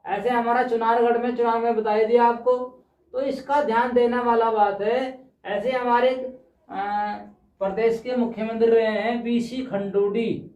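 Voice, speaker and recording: A man's voice: very high-pitched, level tone, far from the mic. Male teacher, explanatory lesson, patient and repetitive, recorded off-mic in an echoey room. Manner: patient, repeats words slowly, checks in with 'ठीक है' often. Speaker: Hindi teacher. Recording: roomy, dull sound from off-mic.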